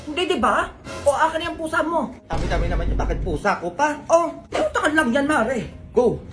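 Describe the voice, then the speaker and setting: Brief: woman, slightly high voice, playful gossipy banter for a comedy skit. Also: very animated, brisk, over loud music. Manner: teasing, bantering gossip talk. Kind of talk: comic sketch acting.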